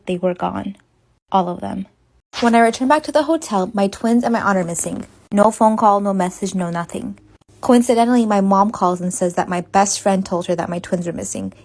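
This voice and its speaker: A young woman narrating a personal story in a steady, read-aloud delivery. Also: mid-range voice.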